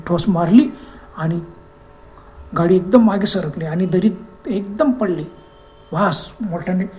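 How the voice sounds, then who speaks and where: A woman's voice: lowish voice, darkish tone. A woman storyteller narrating a horror story in a dramatic, suspense-building way.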